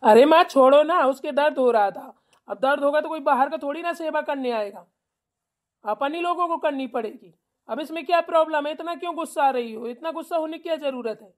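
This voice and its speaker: Cartoon role: a woman as a henpecked young husband, complaining and placating, a bit high. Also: fairly quick, lightly acted. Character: put-upon young husband, meek and grumbling. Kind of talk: cartoon voice acting.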